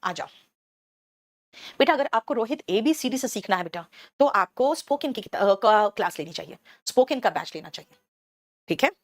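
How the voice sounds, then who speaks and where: A woman as a brisk, motherly teacher, fairly high voice, dry close sound, live online class. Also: lively intonation, no room sound. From Bihar, India. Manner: brisk and motherly, calls students 'beta' and answers chat questions; explains English words in Hindi, switching between the two. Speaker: English teacher.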